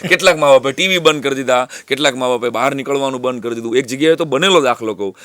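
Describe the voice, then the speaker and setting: A man, a teacher speaking to students and parents, telling anecdotes in a lively storytelling way. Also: medium pitch, very fast, no room sound. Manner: lively storytelling, drops to a hush when acting out whispers.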